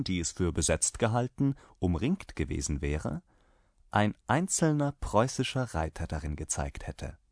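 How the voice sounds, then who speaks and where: A man giving a measured, theatrical reading of a classic anecdote. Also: lowish voice, no room sound, studio quality. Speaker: reader.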